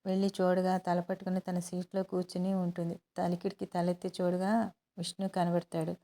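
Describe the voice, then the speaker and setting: A woman narrating a romantic story in a steady, plain storytelling manner. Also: lowish voice, brisk.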